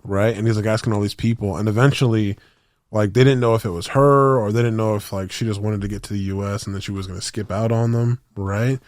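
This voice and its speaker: A man's voice: fairly low pitch, fairly even intonation, fast, darkish tone, no room sound, clean studio sound. A young man on a podcast, telling a story in rambling, slangy casual chat with lots of restarts. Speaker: podcast co-host.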